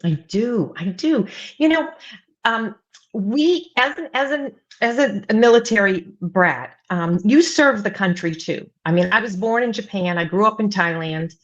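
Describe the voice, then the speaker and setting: Speaking a little slowly in an animated, medium-pitched voice, a middle-aged writing coach chats as an interview guest, rambling and restarting with plenty of fillers. She grew up in the United States, largely in Virginia Beach, and the recording is muffled.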